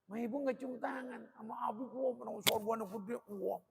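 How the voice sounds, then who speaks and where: A man's voice: extremely high pitch, moderate pace, gravelly, a bit bright. A man preaching a colloquial sermon, blunt and joking, in street slang. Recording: long hall reverb.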